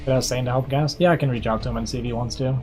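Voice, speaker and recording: A young male streamer and caster chats casually from his computer in a livestream, rambling upbeat with plenty of fillers, his voice worn out from talking. His mid-range voice is steady in tone, a little mellow, and very fast, with faint music behind him.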